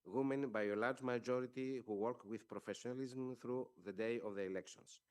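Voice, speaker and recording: Speaking at a press conference on behalf of the parliamentary delegation he leads, this Greek man delivers a formal statement in a medium-pitched voice. Greek is his native tongue, and his accent shows it. He talks in a measured way, pausing and hesitating frequently.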